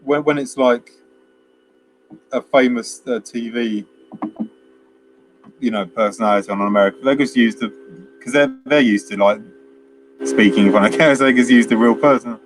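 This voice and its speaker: A man at medium pitch co-hosts a film review at a normal speed, pausing often as he chats casually. He rambles, restarts, leans on fillers, and acts out quotes, with a little hiss or hum audible.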